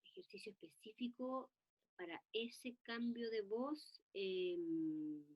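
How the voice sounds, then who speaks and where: A woman puppeteer and actress talking about voice work, lively and given to demonstrating voices as she goes. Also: on the high side, slow. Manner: animated, demonstrates voices mid-talk. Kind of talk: talk on voice acting.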